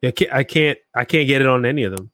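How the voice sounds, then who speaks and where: An easygoing man in relaxed chat, mid-pitched, who often trips into restarts. The sound is dry and close to the mic. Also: fast talker, dry recording. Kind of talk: casual chat.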